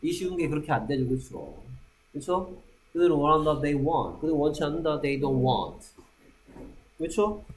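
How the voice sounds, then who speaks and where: A man teaching English in a classroom, slowly repeating English phrases after Korean prompts. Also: a little high, lively intonation, slight background noise. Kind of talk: classroom drill lesson.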